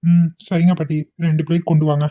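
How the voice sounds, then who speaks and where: A woman's voice: sits low, flat delivery, fast talker, narrow, tinny audio, natural voice. A woman voicing a blunt, short-tempered young husband in a cartoon, talking in a curt, scolding way. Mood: irritated.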